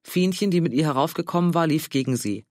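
A man reading an audiobook in a measured, even narration. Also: on the high side, no echo, studio quality. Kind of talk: scripted narration.

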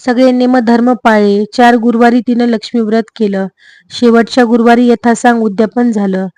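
A woman narrating a devotional folk tale at a steady, measured pace. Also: fairly high pitch, dry recording. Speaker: storyteller.

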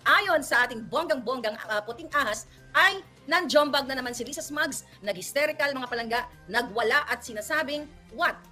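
Brief: woman vlog host, bright sharp voice, gossipy mocking commentary, faint music behind. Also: sits high. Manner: chatty and mocking, with teasing nicknames and frequent laughs.

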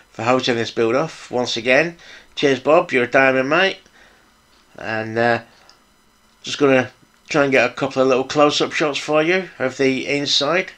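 A man's voice: mid-range voice, fairly bright tone. A middle-aged British man casually narrating a hands-on hobby build vlog in an informal, appreciative, chatty way. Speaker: hobby video host, model car builder.

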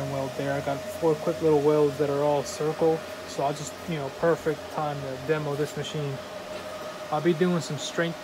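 A young man casually demoing his welding gear in a workshop, talking loosely with lots of fillers, filmed on a phone. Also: on the high side. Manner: easygoing, rambling with many fillers. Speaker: welder demonstrating his shop gear. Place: cluttered indoor workshop. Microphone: phone camera, handheld then on tripod. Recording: loud shop noise behind. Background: loud hum of shop machines and air.

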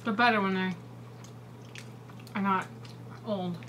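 A woman's voice: mid-range voice, steady tone, slow pace. Woman, dry and teasing, casual chat, distant, background noise. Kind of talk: casual chat among friends. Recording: from far off, room noise.

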